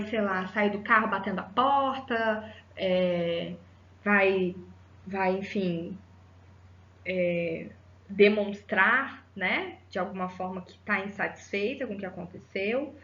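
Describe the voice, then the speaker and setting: A woman's voice: medium pitch, expressive, slow, a bit bright. A woman gives an explanatory psychology lecture, teaching patiently and ending sentences with rhetorical tags. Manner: didactic, frequent rhetorical tag "né?" and fillers. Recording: roomy, slightly dull audio.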